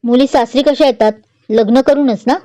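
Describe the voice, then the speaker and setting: A woman's voice: sits high, moderate pace, warm tone, dry recording, pitched above the performer's own voice, lightly acted. A woman storyteller voicing an easygoing young man who teases and reassures his family. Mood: reassuring.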